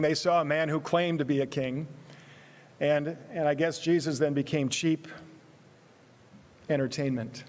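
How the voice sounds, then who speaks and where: A man preaching a sermon in an earnest way, repeating words, moving between loud emphasis and hushed, quiet phrases. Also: fairly high pitch. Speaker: pastor. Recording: long hall reverb.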